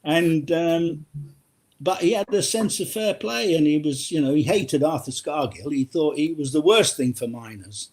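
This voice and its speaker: A man's voice: fairly high pitch, expressive, moderate pace, darkish tone. An older man, a former footballer, chatting casually as a guest on a phone-in and telling anecdotes with frequent laughs.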